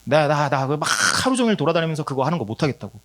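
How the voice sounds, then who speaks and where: A man's voice: fairly high pitch, sing-song, very fast. A man giving a conference sermon as a missionary speaker, telling stories with laughter and acted-out quotes.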